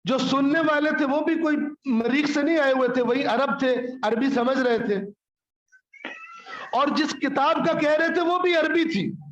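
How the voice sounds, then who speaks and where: High-pitched male preacher, sarcastic and scolding, recites Arabic lines, roomy slightly muffled sound. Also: unhurried, fairly bright tone. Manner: scolding, rhetorical questions, quotes Arabic. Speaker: Islamic scholar preaching. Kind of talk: Urdu sermon on the Quran.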